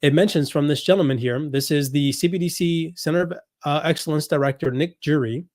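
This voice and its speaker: A man with a slightly raised pitch talks viewers through documents he scrolls on screen, reading lines aloud and circling back to his main points. His voice sits dry and close to the mic, with no room around it. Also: brisk, a little mellow, no echo. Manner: explains while scrolling, reads passages aloud, repeats points. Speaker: crypto commentary host. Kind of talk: screen-share document walkthrough.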